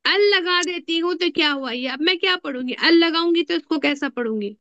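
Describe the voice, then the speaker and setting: A woman teaching an Arabic grammar class, often asking her students questions and repeating key words slowly. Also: very high voice, pushed and bright, no echo, dull audio. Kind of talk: classroom lesson explaining rules with questions to students.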